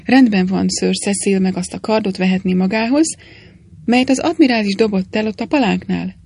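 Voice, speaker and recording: A woman reading a brisk, bold adventurer. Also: medium pitch, vocal fry, a little mellow, slightly rough, no room sound, clean studio sound. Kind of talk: storybook reading.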